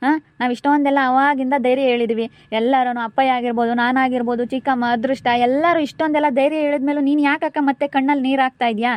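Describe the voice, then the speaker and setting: A woman's voice: high-pitched, fairly even intonation, fast, hardly any pauses, a little mellow, no room sound, lightly acted. A woman with a rural central Karnataka Kannada accent playing a devoted younger sister who pleads insistently with her crying elder sister, in an amateur village drama. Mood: pleading.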